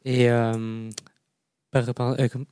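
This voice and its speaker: A man interviewing a business founder, asking halting questions and searching for words. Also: medium pitch, level tone, mellow, clean tone.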